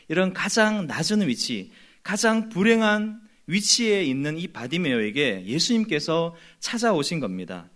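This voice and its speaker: A man preaching a sermon, lively and animated, sometimes acting out voices from the story. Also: fairly high pitch. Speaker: pastor.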